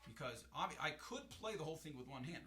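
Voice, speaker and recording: A man's voice: fairly high pitch, very animated, fast, faint music behind. Man teaching hand drum over drumming. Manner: casual, explains with frequent "right?" and restarts; shouts drum strokes and counts over playing. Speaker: music teacher. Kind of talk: hand-drum lesson with spoken counting. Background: hand drums playing.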